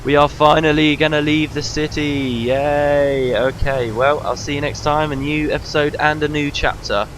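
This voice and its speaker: A man's voice: a little high, steady tone, normal speed, hardly any pauses, a bit bright, slight background noise, rough recording. A man giving casual, informal commentary as he plays a video game, sometimes hesitant. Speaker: video game let's player.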